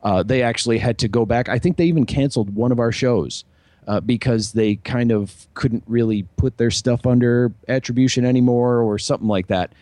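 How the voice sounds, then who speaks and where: A man's voice: medium pitch, fairly quick, mellow, no echo. A man talking casually as a musician and podcast host, rambling with many fillers and restarts. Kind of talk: casual chat.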